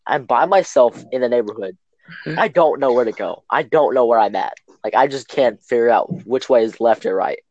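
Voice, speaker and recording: A man's voice: medium pitch, normal speed, darkish tone, no echo, dull audio. Rambling teen guy telling a story. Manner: rambling, filler-heavy storytelling with acted quotes. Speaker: podcast co-host. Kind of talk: casual storytelling chat.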